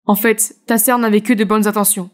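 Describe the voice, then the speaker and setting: A woman voicing a caring young male best friend in an animated story dub, speaking in a gentle, reassuring way. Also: medium pitch, brisk, natural voice.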